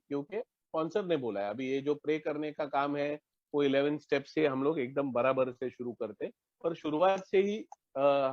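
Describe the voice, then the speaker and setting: A man's voice: medium pitch, darkish tone, no echo, highs cut off. Indian man sharing his recovery story. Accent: Mumbai Hindi. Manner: conversational, acts out both sides of phone talks. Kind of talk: personal testimony in an online meeting. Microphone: online call mic.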